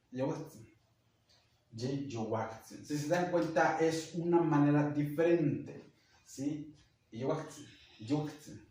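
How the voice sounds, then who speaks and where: A young man with a Mexican Spanish accent, a native Nahuatl speaker, giving a casual language lesson and slowly repeating words for learners. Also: medium pitch, mellow. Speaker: language teacher. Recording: echoey room, heard from a distance.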